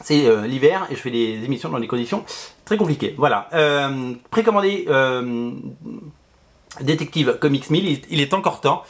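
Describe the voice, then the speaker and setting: A man's voice: mid-range voice, animated, normal speed. A man with a lisp and slushy s sounds, giving casual promotional chat to viewers as a shop seller, hesitant and repeating his phrases. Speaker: comic shop seller presenting his show.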